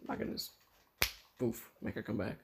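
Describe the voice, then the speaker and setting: A man's voice: moderate pace, background noise, close to an everyday voice. A man playing a careless, shrugging genie. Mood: casual. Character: careless laid-back male genie, cheerfully callous. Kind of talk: improvised comedic story.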